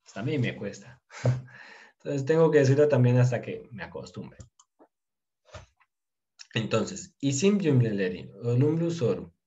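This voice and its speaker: A man teaching Turkish, slowly drilling question forms and explaining in quick, casual asides. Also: medium pitch, animated, dark tone, highs cut off. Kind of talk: casual language lesson.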